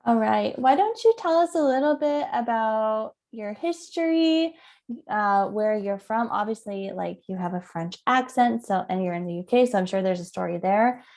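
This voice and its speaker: A woman co-hosting a podcast, upbeat, reading announcements and quotes smoothly. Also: on the high side, expressive, normal speed, darkish tone. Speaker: podcast co-host. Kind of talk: podcast chat and read announcement.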